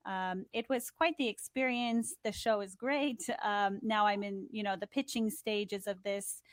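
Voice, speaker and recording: A woman's voice: mid-range voice, fairly even intonation, measured pace, no echo, clean studio sound. Chatty young woman on a video call. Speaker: guest, TV host and producer. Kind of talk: conversational interview.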